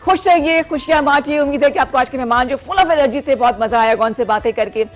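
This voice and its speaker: High-voiced Pakistani woman hosting a morning show. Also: brisk. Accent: Pakistani Urdu. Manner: lively, mixing in English phrases. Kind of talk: live studio chat with guests and callers. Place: TV studio.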